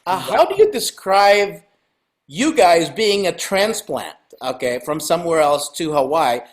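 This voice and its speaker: A middle-aged man hosting a casual interview over a video call from home, animated and joking, laughing often. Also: on the high side, a little slow. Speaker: podcast host. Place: home room indoors. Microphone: video call webcam.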